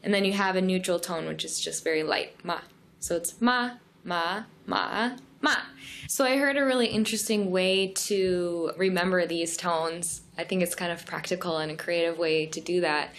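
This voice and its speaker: A woman's voice: on the low side, a little fast, few pauses, a little hiss or hum. A woman guest on a podcast, explaining things in a friendly, chatty way and laughing easily. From United States. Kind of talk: casual podcast interview.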